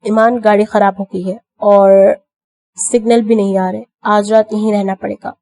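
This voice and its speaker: A woman voicing a young husband in a scripted audio novel reading, speaking softly and affectionately. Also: medium pitch, flat delivery, no room sound, clean studio sound, lightly acted. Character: young man, teasing protective husband.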